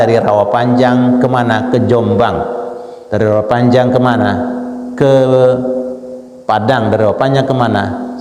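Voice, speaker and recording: A male Islamic preacher giving a dawn sermon in a mosque, emphatic, jumping up high on the words he stresses and weaving in Arabic phrases. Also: a little mellow. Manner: emphatic, leaps to high pitch on key words, mixes in Arabic. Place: mosque hall. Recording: echoey mosque hall with long reverb.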